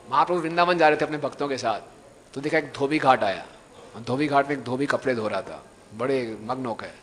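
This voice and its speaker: Lively high-voiced preacher man. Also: big-room sound. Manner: animated storytelling, acts out voices, jokes with listeners. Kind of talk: devotional story talk.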